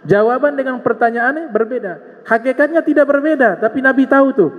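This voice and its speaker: A man's voice: very high voice, a little fast, big-room sound. A man with an Indonesian accent preaching a sermon, retelling old stories with quoted dialogue and repeated phrases for emphasis.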